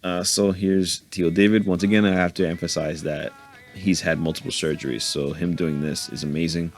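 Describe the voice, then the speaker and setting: A man with a low, deep voice talks through his gym workout in a relaxed, joking way, laughing to himself now and then. Faint music plays under his voice-over. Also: moderate pace. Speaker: fitness vlogger narrating his workout. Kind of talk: casual voice-over commentary.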